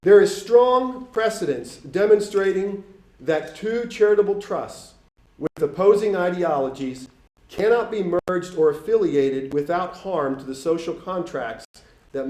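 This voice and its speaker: A man with a Boston accent giving a formal, prepared statement at a public forum, reading out numbered points deliberately. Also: a little high, a little mellow. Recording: echoey room.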